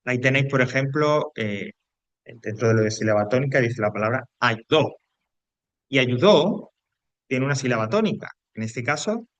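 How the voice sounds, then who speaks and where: During a grammar lesson, a man with a medium, slightly bright voice explains things patiently to his students. He goes over the same points more than once and keeps asking tag questions to make sure they follow. It's a dry recording.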